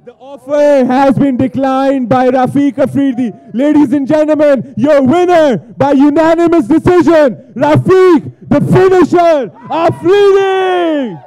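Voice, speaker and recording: A man working as a ring announcer at a live fight event, booming out the result in a pumped announcer style. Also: measured pace, hardly any pauses, mellow, poor audio.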